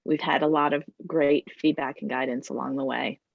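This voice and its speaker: A woman who develops curriculum explains her work on a video call, measured and a little hesitant. Her voice is fairly low. The audio is dry and muffled. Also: level tone, vocal fry, no echo. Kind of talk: casual video call chat.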